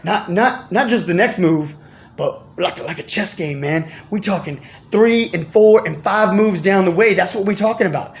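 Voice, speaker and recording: A man with a high-pitched voice delivers a casual motivational monologue straight to his audience. His speech is slangy, repetitive and full of restarts. He shifts between lively, animated bursts and low, quiet asides. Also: normal speed, gravelly. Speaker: vlogger giving life and business advice.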